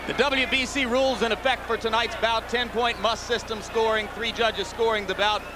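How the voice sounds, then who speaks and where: A man giving ringside boxing commentary in measured, literate, polished phrases. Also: extremely high pitch, fairly even intonation. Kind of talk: play-by-play sports broadcast commentary. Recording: noisy broadcast over loud arena crowd.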